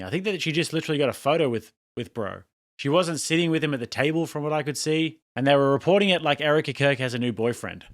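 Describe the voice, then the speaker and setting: A man's voice: medium pitch, fairly bright tone. An Australian man hosting a casual reaction commentary, blunt and mocking, laughing at what he watches. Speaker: commentary channel host.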